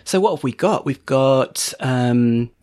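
A man's voice: medium pitch, expressive, slow pace, darkish tone, clear, resonant tone. A man co-hosting a podcast in casual chat, with an understated, slightly hesitant, teasing manner. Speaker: podcast co-host.

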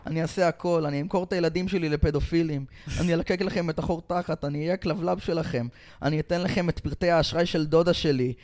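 A man doing an improvised comic bit as a sleazy, desperate male TV director, talking loud and vulgar and pleading. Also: on the high side, steady tone, hardly any pauses, natural voice. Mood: groveling.

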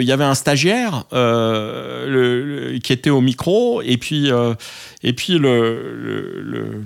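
A man's voice: mid-range voice, gravelly. A man telling a story from his flying days, hesitant, with many fillers and restarts, acting out radio calls. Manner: acts out radio calls in English. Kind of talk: casual anecdote.

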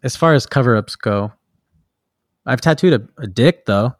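A man's voice: medium pitch, animated, moderate pace, no room sound, studio quality. Rambling laid-back male guest. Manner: loose and rambling, many fillers and restarts, laughs easily. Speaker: guest, tattoo artist. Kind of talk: casual interview chat.

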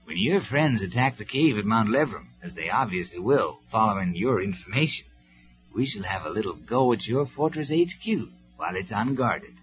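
A narrator voicing a calm, confident male robot soldier in a cassette story, near his own voice. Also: on the low side, moderate pace, faint music behind. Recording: dull lo-fi cassette recording.

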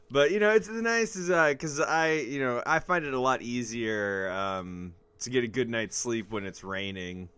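Slow, smooth-voiced man chatting casually. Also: medium pitch, fairly bright tone, no echo. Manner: rambling, laughs often, trails off into fillers. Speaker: podcast co-host. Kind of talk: casual podcast chat. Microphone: podcast microphone.

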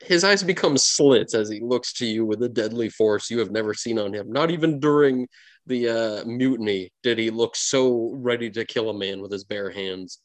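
Guy game mastering, dramatic improvised storytelling, medium pitch, very dry room, chatty asides. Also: moderate pace, dry recording. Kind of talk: improvised tabletop game narration.

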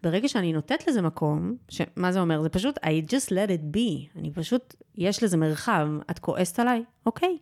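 A woman speaking as a podcast guest and yoga teacher, talking gently and deliberately and repeating phrases for emphasis. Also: on the low side, animated. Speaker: guest, yoga teacher and personal growth guide. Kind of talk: reflective podcast conversation.

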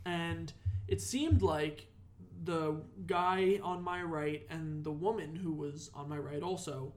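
Animated young man telling a story. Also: a little high, takes it slowly. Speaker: podcast host. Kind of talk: casual chat. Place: apartment room.

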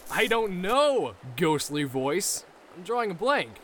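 A man's voice: high voice, big pitch swings, takes it slowly, a bit bright, heavily acted. A man playing a dim-witted, cheerful soldier who talks in an oblivious, dopey way, in a comedic audio drama.

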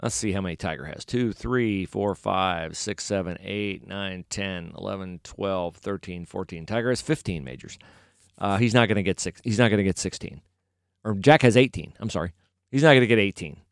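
Opinionated man with a smooth voice. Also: low-pitched, normal speed, dry recording, studio quality. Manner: opinionated, rambling, self-correcting. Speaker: sports commentator. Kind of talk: casual solo commentary.

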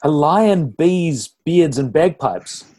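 A man improvising casually as a tabletop player, halting as he thinks aloud. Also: a little high, expressive, a crowd in the background. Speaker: player in tabletop role-playing game. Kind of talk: casual improvised game chat.

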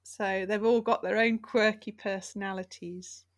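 A woman's voice: medium pitch, steady tone, a little slow. A woman co-hosting a casual chat, talking in a wry, chatty way with trailing asides. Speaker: podcast co-host.

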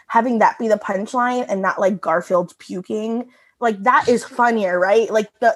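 Chatty woman with a casual, filler-heavy style. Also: medium pitch. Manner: animated, frequent "like" fillers, laughs. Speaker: podcast co-host reviewing a comic strip. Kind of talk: casual chat.

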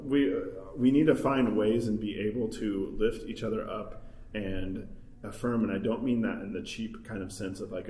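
A man's voice: lowish voice, darkish tone, reverberant. Man, 30s, casual group discussion, rambling, distant mic, faint background hiss. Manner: rambling, many fillers and laughs. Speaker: study group member.

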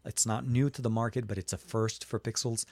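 A Lebanese man hosts a casual live tech stream, chatting through viewer questions with lots of fillers and restarts. His voice is lowish and a little mellow, with fairly even intonation, a fairly quick pace, and no room sound.

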